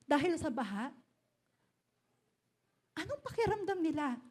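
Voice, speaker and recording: A middle-aged woman pastor with a Filipino accent, preaching a sermon in an animated way, mixing Filipino and English with playful asides. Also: high voice, measured pace. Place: church hall.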